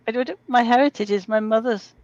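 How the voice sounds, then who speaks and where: A woman from northern England on a casual video call. She stammers and restarts while she is quick to clarify things. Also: on the high side, fairly even intonation, darkish tone, lo-fi sound. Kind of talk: casual chat.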